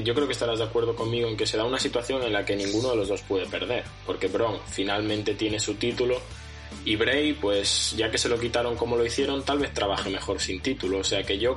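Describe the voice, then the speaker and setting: A man co-hosting a podcast, giving casual conversational sports analysis over music. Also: mid-range voice. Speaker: podcast co-host. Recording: music bed behind the voice. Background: guitar music.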